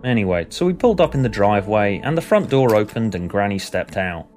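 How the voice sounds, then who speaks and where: Man, scripted narration, deadpan, low-pitched, faint music underneath. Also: brisk. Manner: deadpan, matter-of-fact storytelling.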